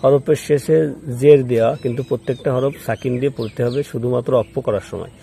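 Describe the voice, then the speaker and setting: Teaching Quran recitation one step at a time, this man names each letter and vowel mark before chanting the word slowly and patiently restating the rules. His voice is medium-pitched, gravelly, and warm, with slight background noise.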